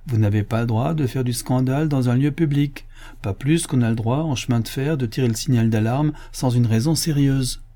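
A man's voice: medium pitch, normal speed, mellow, lightly acted. A man voicing a brusque, dogged police inspector in an audiobook, insistent in manner. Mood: needling. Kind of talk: audiobook character voice.

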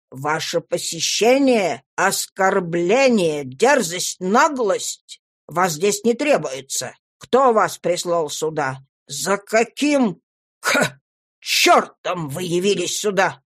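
A woman voicing a proud, irritable older gentleman who speaks stiffly and keeps clearing his throat in a storybook reading. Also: sits low, lively intonation, slow pace, full character voice. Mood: furious.

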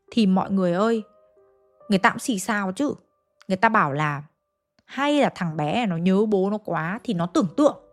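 A woman narrating a ghost story in a chatty way, often turning to address her listeners directly. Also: mid-range voice.

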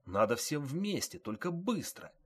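Male reader as earnest young trainee, urgent, lively pitch. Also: measured pace, breathy edge, heavily acted.

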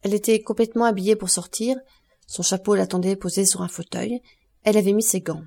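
A woman narrating a classic novel as an audiobook in a measured, expressive storytelling voice. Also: mid-range voice, creaky.

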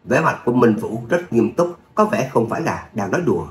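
A man's voice: mid-range voice, a little fast. A man who chats casually with his listeners and then reads a serialized story, in a roomy recording with a faint hum. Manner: chatty, with filler words, then a steady reading. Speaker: audio story narrator.

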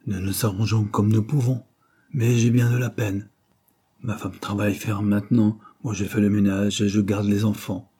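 Male reader as a stubborn proud laborer, emphatic, low and husky. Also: flat delivery, moderate pace, warm tone. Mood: determined. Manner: emphatic, determined. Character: stubborn, proud unemployed working man.

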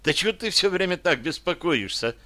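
A man's voice: mid-range voice, normal speed, bright, forceful tone, pitched above the performer's own voice, lightly acted. A man voicing a young warrior woman who is demanding, irritable and anxious in an audiobook. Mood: insistent. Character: young woman, a tense, pushy warrior amazon.

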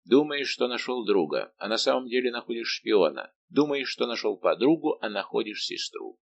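A man's voice: mid-range voice, animated, moderate pace, creaky, muffled recording. A man voicing a tormented, lovesick young king in an audiobook, pleading and anguished.

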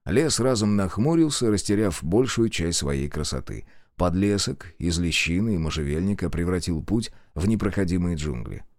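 A man narrating an audiobook in an expressive storytelling manner. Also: low-pitched, moderate pace, few pauses, dry recording, clean studio sound. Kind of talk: scripted narration.

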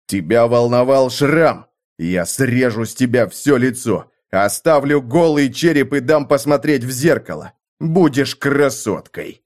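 A man's voice: medium pitch, lively intonation, a little slow, a little mellow, lightly acted. A man voicing a brutal young mercenary who snarls threats. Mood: furious.

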